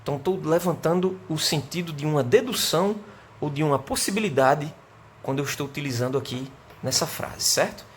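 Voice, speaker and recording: A Brazilian man, an English teacher, explaining grammar in a remote school lesson and slowing down to say the example sentences. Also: on the high side, a little hiss or hum.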